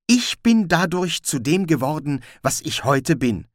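A man's voice: a little high, very animated, unhurried, no room sound, clean studio sound, pitched above the performer's own voice. A man doing a naive, trusting little man. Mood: earnest. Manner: earnest, eager, guileless.

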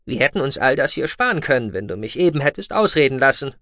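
A man's voice: mid-range voice, very animated, fast, sharp tone, no room sound, clean studio sound. A man voicing a nervous but determined male alien doctor in a science-fiction audiobook, talking earnestly. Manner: nervous, then theatrically earnest.

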